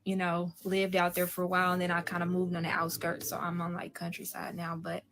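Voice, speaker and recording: A woman's voice: fairly low pitch, monotone, fairly quick, fairly bright tone, a little hiss or hum. A woman from Seattle chatting casually with viewers on a live stream, rambling and answering the chat directly. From Seattle, USA.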